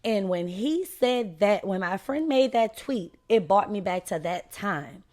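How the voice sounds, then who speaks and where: A woman's voice: medium pitch, expressive, a little slow, darkish tone. A woman hosting a faith podcast, talking unscripted and emphatically, and addressing listeners directly as y'all in a preachy tone. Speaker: podcast host.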